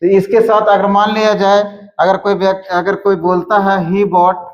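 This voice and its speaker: A man teaching English grammar, explaining slowly and repeating words as he writes out examples. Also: high-pitched, level tone. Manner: slow, repeats words while writing examples. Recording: echoey room, dull lo-fi sound.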